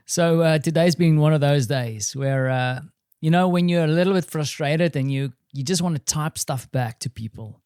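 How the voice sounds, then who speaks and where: Man, middle-aged, podcast host, rambling casual monologue, slightly high voice, dry studio mic. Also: moderate pace, darkish tone, clear, resonant tone, dry recording. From South Africa. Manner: rambling, self-deprecating, restarts often. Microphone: studio microphone.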